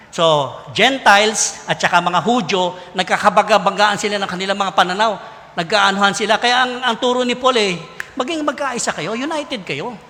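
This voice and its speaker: High, bright Filipino preacher in a hall. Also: male voice. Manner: mixes English into preaching, animated and conversational. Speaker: pastor. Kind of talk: sermon. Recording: long hall reverb.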